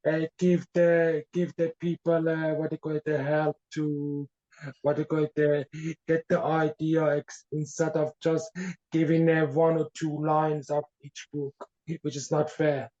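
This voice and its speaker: A man from Iran, an author being interviewed, speaking haltingly with frequent fillers as he searches for words. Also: fairly high pitch, flat delivery, mellow. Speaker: author guest. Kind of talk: podcast interview. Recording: dull lo-fi sound.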